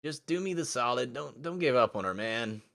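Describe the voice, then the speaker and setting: A man's voice: mid-range voice, lively intonation, moderate pace, fairly bright tone. A man voicing a laid-back, loyal young male student who keeps calling people dude and man. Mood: coaxing. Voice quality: casual, says dude and man a lot. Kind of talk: voice acting a visual novel.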